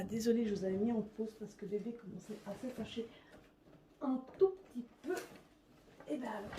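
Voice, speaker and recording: Young woman vlogger, warm mellow tone, loose rambling chat, faint background noise. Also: fairly high pitch. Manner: chatty, hesitant, many fillers. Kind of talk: casual chat showing her coloring books.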